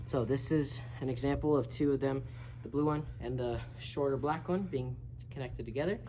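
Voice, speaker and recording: Someone with a warm, medium-pitched voice teaches a relaxed, step-by-step practical lesson. The amateur video recording is noisy, with sound in the background.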